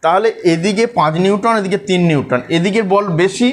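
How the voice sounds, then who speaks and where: A man with a high voice gives a school physics lesson. He goes through each step with care and keeps checking that his pupils follow. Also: a little fast. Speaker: teacher.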